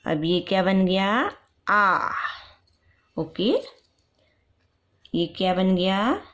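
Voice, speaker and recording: A woman teaching young children's letter sounds step by step for parents, repeating each sound slowly. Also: mid-range voice, lively intonation, a bit bright. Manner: slow, repetitive, drawn-out letter sounds. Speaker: nursery teacher.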